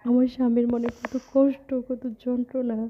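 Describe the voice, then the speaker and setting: A woman speaks on a personal vlog in a fairly high voice that stays within a narrow range. She is crying as she talks, lamenting and pleading, circling back over the same phrases. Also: little pitch movement, moderate pace. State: tearful, crying. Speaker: vlogger addressing her followers. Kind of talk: emotional personal vlog monologue.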